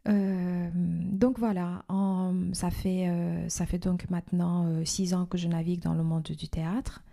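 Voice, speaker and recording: Slow, hesitant woman in her fifties. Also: fairly low pitch, flat delivery, creaky, dark tone. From Iran. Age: 50s. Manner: hesitant, many fillers and restarts. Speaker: podcast guest. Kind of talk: reflective interview talk.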